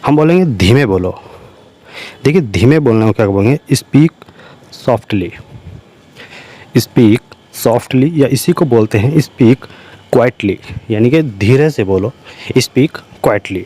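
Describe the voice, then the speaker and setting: A man teaching everyday English sentences with explanations in Hindi, repeating each English phrase slowly. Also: medium pitch, expressive, warm tone. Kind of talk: slow spoken language lesson.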